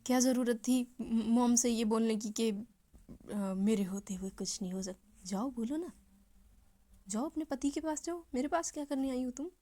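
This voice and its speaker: A woman voicing a headstrong young woman who snaps back with sharp, resentful lines. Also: medium pitch, unhurried, long pauses, close to an everyday voice. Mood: angry.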